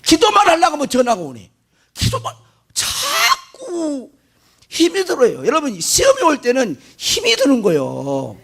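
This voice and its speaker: A male pastor delivering an animated sermon, firing rhetorical questions at the congregation and mimicking worshippers' prayers. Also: very high voice, measured pace, vocal fry.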